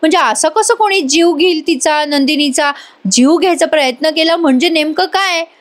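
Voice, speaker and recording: A woman voicing a sharp-witted aunt who frets and fusses, her voice pitched high. She sounds anxious and superstitious. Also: normal speed, natural voice. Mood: alarmed. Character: clever older aunt, fretful, superstitious.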